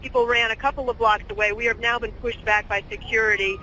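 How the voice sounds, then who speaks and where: A woman files a live news report outdoors in a steady manner. Her voice is high and very bright, with faint traffic noise behind. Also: fast, low-quality recording. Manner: steady, plain reporting with small hesitations. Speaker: field reporter. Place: outdoors near a government building.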